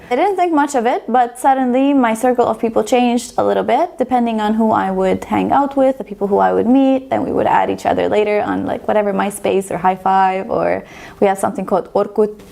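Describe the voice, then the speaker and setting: A woman's voice: medium pitch, vocal fry, mellow. A young adult woman, telling her personal story to camera in a chatty, rambling, self-deprecating way. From Estonia. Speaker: vlogger.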